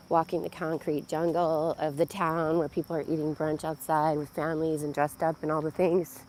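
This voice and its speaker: A middle-aged woman who vlogs and teaches yoga talks casually to her phone camera while walking by a pond on a nature walk, rambling with plenty of fillers. Her fairly low voice is hoarse and worn, as if she's losing it. Crickets and insects chirp around her.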